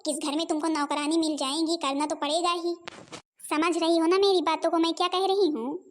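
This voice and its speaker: Woman doing a high-voiced scheming stepmom in a cartoon, lectures her daughter in a low conspiratorial way. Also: steady tone, fairly quick. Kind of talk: homemade cartoon voice acting.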